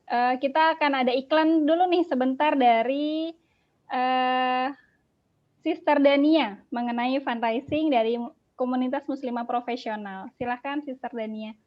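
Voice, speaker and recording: High-voiced woman moderating a call. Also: a little slow, lo-fi sound. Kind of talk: hosting an online session.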